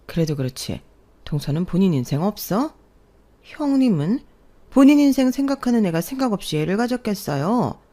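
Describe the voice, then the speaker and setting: A woman voicing a condescending older sister-in-law who mocks and sneers in a raised pitch. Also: very animated, moderate pace, mellow. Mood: sneering. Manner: mocking, sneering, higher pitched.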